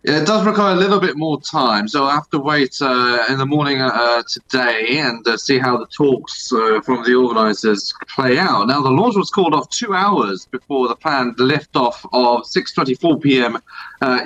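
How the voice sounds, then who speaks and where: A man speaking as a news correspondent over a low quality video call, sounding distant and echoey, explaining plainly with many fillers. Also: fairly bright tone, dull audio. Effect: low quality video call audio, distant and echoey. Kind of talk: live news discussion. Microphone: video call without working earphones.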